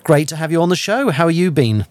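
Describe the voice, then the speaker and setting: A man's voice: a little high, very animated, fast talker, darkish tone. A man hosting a radio podcast, talking casually with many fillers and restarts.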